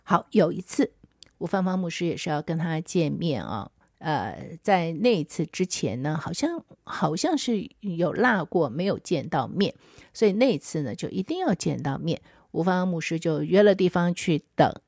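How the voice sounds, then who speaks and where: A woman podcast host, telling a story in an earnest, reflective way with soft trailing asides. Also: lowish voice, slightly rough, dry recording, studio quality. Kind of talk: storytelling monologue.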